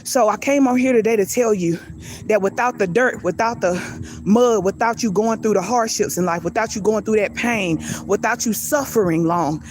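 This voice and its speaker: A woman's voice: medium pitch, moderate pace, darkish tone, a little hiss or hum. A woman hosting a live faith message outdoors on her daily walk, talking into her phone, out of breath and preaching with building repetition. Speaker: faith channel host. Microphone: handheld phone.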